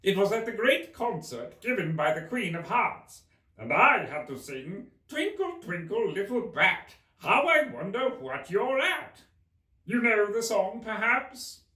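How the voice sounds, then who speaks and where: A man's voice: sits high, big pitch swings, unhurried, sharp tone, pitched above the performer's own voice, exaggerated voice. A man voicing an eccentric, huffy and mournful male storybook Hatter, with an emphatic, theatrical and contemptuous manner. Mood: dramatic. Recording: roomy, distant microphone.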